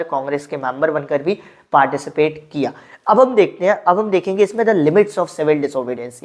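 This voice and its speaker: Low-voiced woman teaching history. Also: darkish tone. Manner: explains with frequent rhetorical questions. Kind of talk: exam-prep history lesson.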